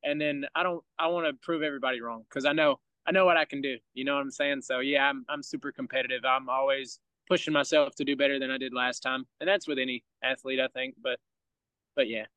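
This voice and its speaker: A man's voice: mid-range voice, steady tone, quick pace, sharp tone, dry recording, poor audio. A young man from Georgia with a Southern country accent, chatting as a podcast guest and telling laid-back stories with frequent chuckles. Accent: Southern US, rural Georgia. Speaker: podcast guest, baseball player. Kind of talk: casual interview chat.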